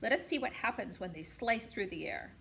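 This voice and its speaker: A woman voicing a calm, patient robot mother who explains things in a measured way. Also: medium pitch, creaky, slight background noise. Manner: measured and instructive.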